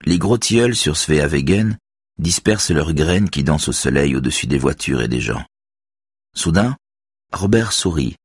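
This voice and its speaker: A man narrating an audiobook in a calm, even reading voice. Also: a bass voice, normal speed, breathy edge, no echo, clean studio sound. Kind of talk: scripted narration.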